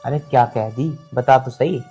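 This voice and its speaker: Man as young husband, protective, mid-pitched voice, soft music behind. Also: normal speed, slightly rough, close to an everyday voice. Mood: puzzled. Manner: concerned, protective. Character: caught-in-the-middle young husband. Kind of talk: village film drama.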